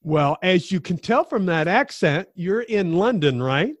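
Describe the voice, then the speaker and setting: A man's voice: sits high, animated, measured pace, no room sound. A man hosting a podcast interview in an enthusiastic, pep-talk manner. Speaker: podcast host.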